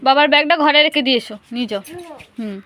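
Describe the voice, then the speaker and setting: A woman's voice: sits high, very fast, pushed and bright. A woman vlogging at home, coaxing and playfully talking to a small child in a sing-song way. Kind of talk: casual home vlog talk to a small child.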